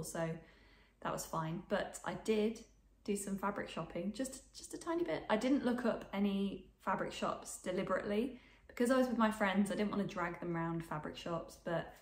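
A sewing vlogger in her twenties talks casually to camera from her home sewing room, rambling with lots of ums and sounding snuffly from a bit of a cold. Her voice is medium-pitched, and the indoor room gives it an echo.

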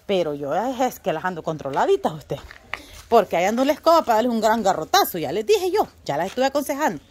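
A woman talking casually to her viewers while tending her animals outdoors, chatty and quick to scold her dogs. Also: medium pitch, sing-song, a little hiss or hum. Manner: chatty, calls viewers "mamita", shouts and scolds pets. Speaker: vlogger. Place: outdoor yard with chickens, dogs and a cat.

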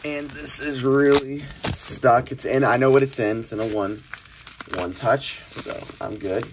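At a small room's desk, the young host of a trading card unboxing channel keeps up chatty, informal commentary in a steady, mid-range voice, a little slow. The noisy room picks up clicks and crinkling, crumpling packaging.

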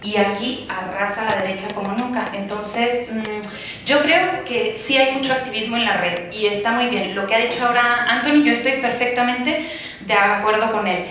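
A woman's voice: on the high side, moderate pace, fairly bright tone. A woman researcher asking a hesitant question from the audience in a university lecture hall. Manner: hesitant, many fillers. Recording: echoey hall from far off, faint noise.

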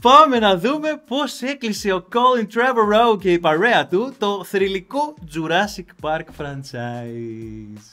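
Sarcastic high bright-voiced man. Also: expressive, hardly any pauses, soft background music. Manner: sarcastic, mock-dramatic. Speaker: YouTube film reviewer. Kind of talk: comedic film review.

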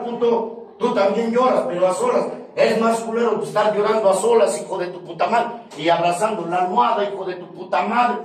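A man with a Mexican accent giving a heated, profane, confrontational testimony at a recovery group meeting. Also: sits high. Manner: profane, confrontational, preaching rant. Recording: very echoey room, far from mic, noisy.

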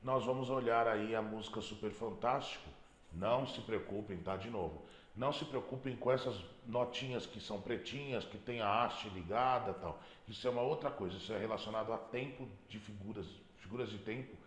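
A man's voice: on the low side, fairly quick, roomy sound. A man teaching a beginner piano lesson, explaining patiently and singing out note names as he plays. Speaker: music teacher.

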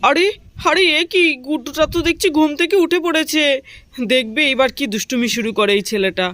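A woman's voice: high voice, a little fast, a bit bright. A woman voicing a fussy young village husband in a doll story, chattering to himself and complaining. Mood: grumbling.

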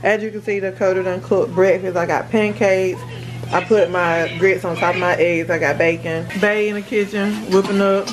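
A woman's voice: medium pitch, fairly even intonation, normal speed, distant mic, rough recording. A young woman vlogging on a handheld camera, casual and slangy, often laughing. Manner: laughs a lot, slangy and chatty. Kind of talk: casual vlog chat.

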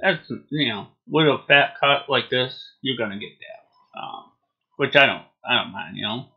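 A man's voice: mid-range voice, expressive, moderate pace, creaky. A man in his forties giving a casual, unscripted review in a laid-back, hesitant way with trailing phrases. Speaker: product reviewer. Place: small home room, indoors. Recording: dull lo-fi webcam sound.

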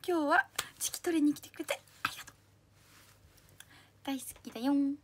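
A young woman with a slightly husky, strained throat, hosting a livestream in a bubbly, cutesy way, reading out and thanking commenters. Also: high-pitched, normal speed, slight background noise. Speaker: idol livestream host.

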